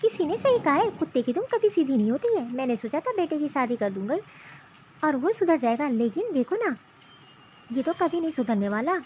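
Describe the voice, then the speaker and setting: A woman voicing a middle-aged mother-in-law in an animated cartoon, scolding her son in an exasperated way. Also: high voice, fairly quick, a little hiss or hum. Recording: slightly muffled lo-fi recording.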